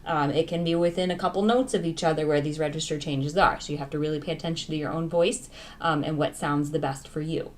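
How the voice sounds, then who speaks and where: A woman voice teacher leading a vocal warm-up lesson, explaining registers in a plain, instructive way. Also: sits low, steady tone, quick pace, slight background noise. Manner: instructive, talks over piano accompaniment. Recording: piano playing behind the voice. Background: piano.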